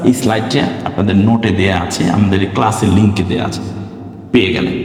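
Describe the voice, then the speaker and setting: A man's voice: mid-range voice, darkish tone. A man teaching Quran reading over slides, patient and explaining step by step with examples, with a Bangladeshi Bengali accent. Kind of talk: online slide lesson. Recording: very echoey room with long reverb.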